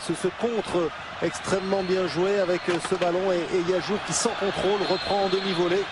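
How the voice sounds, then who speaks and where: A man's voice: high-pitched, level tone, fairly quick. A man giving live football commentary as second commentator, analysing replays in hesitant, tag-filled phrases. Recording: clear ambient noise behind the voice.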